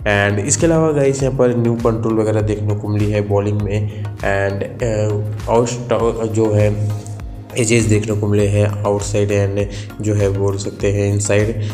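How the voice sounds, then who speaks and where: A man's voice: on the low side, level tone, a little slow, darkish tone. A young man hosting a gaming channel, talking through a game update in a voice-over full of fillers and repeated "guys". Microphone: voice-over over screen recording. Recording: echoey room with faint background music.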